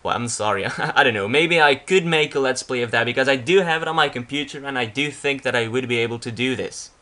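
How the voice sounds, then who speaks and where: In a casual vlog narrating a slideshow, a young Belgian YouTuber with a clear Flemish accent speaks English, his second language after Dutch. His mid-pitched voice is bright and forward, and he talks a little fast. He rambles, often restarting sentences and filling gaps with "uh" and "yeah."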